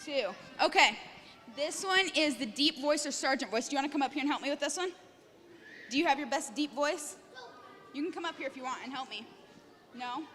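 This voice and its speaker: A woman leading children at camp, upbeat and coaxing, reciting scripture slowly and loudly. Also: high voice, animated. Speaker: kids' camp leader. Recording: long hall reverb, faint noise.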